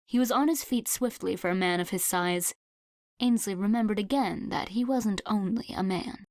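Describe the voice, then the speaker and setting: A woman narrates an audiobook in an even, unhurried read at a mid pitch. The recording is dry and close, with no room sound. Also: no echo. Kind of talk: scripted narration.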